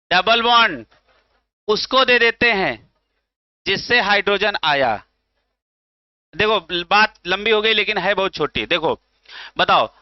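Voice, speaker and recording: In a Hindi chemistry class, a man with a north Indian accent and a smooth, high-sitting voice lectures his students, asking questions and answering them himself while calling them beta and bhaiya. The recording is dry and slightly dull.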